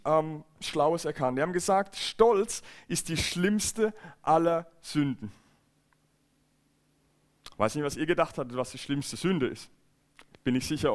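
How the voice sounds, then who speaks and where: A man preaching a church sermon, earnest and emphatic, often repeating and restarting phrases. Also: sits high. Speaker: pastor. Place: church service.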